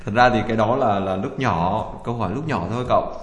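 A man talks briskly as co-host of a faith talk show, explaining ideas and trading banter with his partner. The room rings with a long, roomy reverb. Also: fairly low pitch, a little hiss or hum.

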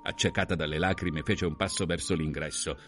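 A man narrating a literary novel in a measured, expressive reading. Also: fairly low pitch, faint music behind. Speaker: audiobook reader.

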